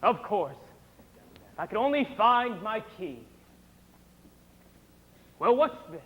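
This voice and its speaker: A glib, persuasive con-man salesman, voiced by a teenage boy on a school stage. The voice sits fairly high for a man. A long hall reverb trails each line. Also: big pitch swings, slow, dull audio, exaggerated voice. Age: teens. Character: smooth-talking traveling salesman professor, confident charmer. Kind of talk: high school musical theater acting.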